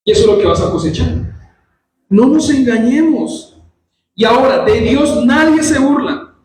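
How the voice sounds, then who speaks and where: A male pastor preaching an animated sermon in a church, acting out quoted voices. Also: very high-pitched, moderate pace, a crowd in the background. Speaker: pastor teaching a church service. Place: church hall. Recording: very echoey church hall from far off.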